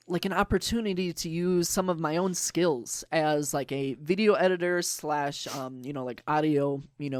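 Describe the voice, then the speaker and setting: A man's voice: on the high side, dry recording, studio quality. A young adult man talking as a podcast guest in a casual, eager way, rambling with lots of fillers.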